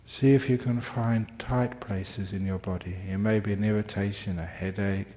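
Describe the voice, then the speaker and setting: A man teaching meditation, giving slow, gentle guided meditation instructions with long, unhurried pauses. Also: lowish voice, fairly even intonation.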